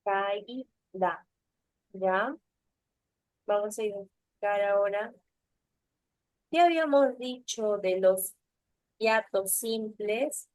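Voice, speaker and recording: Young woman teacher, unhurried, patient, dry close sound, video-call mic, checks in with students constantly. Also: medium pitch, darkish tone, no echo, poor audio. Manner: patient, checks understanding with frequent tag questions. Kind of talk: online class lesson. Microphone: computer mic on a video call.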